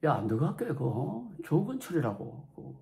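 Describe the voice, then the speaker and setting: A man's voice: a little high, big pitch swings, normal speed, creaky, darkish tone, voice pushed up. A man putting on the voice of a blunt, bossy middle-aged male academy vice-director who speaks Gyeongsang dialect. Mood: hearty.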